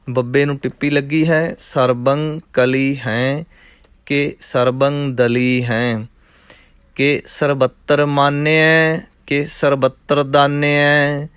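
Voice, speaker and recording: A man leads a scripture recitation lesson, chanting verse by verse in a smooth, resonant voice that sits a little high. His delivery stays very flat and even, and he breaks off now and then for brisk pronunciation notes. The sound is dry and close. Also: no echo. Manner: measured chanting of verses, then quick spoken corrections.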